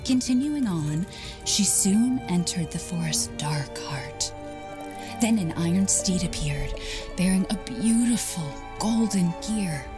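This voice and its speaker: A hushed fairy-tale-telling young mother. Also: lowish voice, lively intonation, slow pace. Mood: hushed storytelling. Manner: hushed storybook narration, drops to whispers. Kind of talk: scripted game narration. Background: game music.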